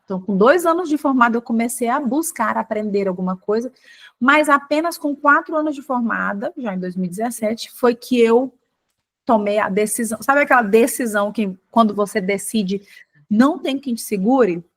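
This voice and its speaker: A woman's voice: a little high, lively intonation, normal speed. A Brazilian woman hosting an online class, talking emphatically and stretching out the words she stresses. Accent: Brazilian Portuguese. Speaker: class host and teacher.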